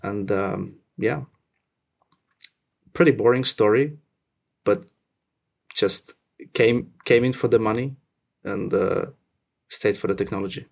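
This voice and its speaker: Young male guest, low gravelly voice, easygoing and self-mocking. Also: slow pace, long pauses. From Russia, raised in Finland. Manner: relaxed, self-deprecating, many restarts. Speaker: podcast guest. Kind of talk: casual interview chat.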